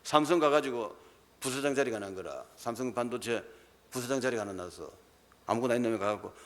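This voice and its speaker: A man's voice: medium pitch, fast talker. A man with a Gyeongsang Korean accent, a pastor preaching a sermon, emphatic and constantly throwing rhetorical questions at the congregation. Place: large church hall. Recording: long church hall reverb.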